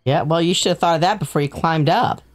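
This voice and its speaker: A woman's voice: low-pitched, fast talker. A woman co-hosting a casual game playthrough, teasing her partner with dry sarcasm. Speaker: co-host. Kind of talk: casual let's-play banter.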